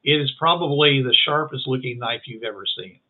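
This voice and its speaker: A man running a tabletop game as game master, narrating in a halting way with many restarts. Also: mid-range voice. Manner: halting, full of restarts and fillers. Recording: phone-like online call.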